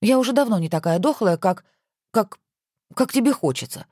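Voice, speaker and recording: A woman's voice: mid-range voice, dry recording, clean studio sound, pitched above the performer's own voice, close to an everyday voice. A woman voicing a flustered, easily offended wife in an audiobook. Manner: quick, indignant, excitable. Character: flustered, touchy young wife.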